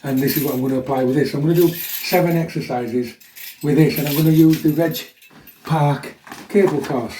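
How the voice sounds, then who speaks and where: Fairly high-pitched and fairly quick, this dark-toned middle-aged man is a fitness vlogger casually, bluntly introducing a workout to viewers, often tacking on "yeah?". A recent chest infection leaves him slightly chesty. Slight background noise accompanies the echoey room and distant mic.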